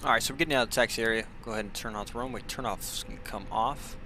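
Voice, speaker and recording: A man playing pilot in a flight simulator, reading checklists and giving relaxed captain announcements with many fillers into a headset mic. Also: mid-range voice, racing. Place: home flight simulator setup. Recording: clear steady background noise.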